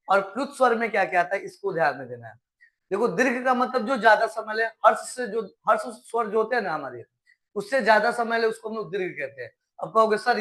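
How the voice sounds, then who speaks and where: Man, online class teacher, high voice, draws out vowel sounds, answers his own questions. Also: sharp tone. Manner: coaxing, asks questions then answers them; drawn-out recited vowel sounds. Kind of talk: live online class lesson.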